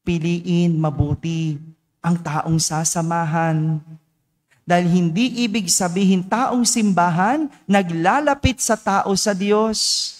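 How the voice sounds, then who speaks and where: A man's voice: sits high, takes it slowly. A man preaching a homily as parish priest, asking his congregation rhetorical questions and tagging his sentences with a questioning "no?". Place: church. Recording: long church reverb.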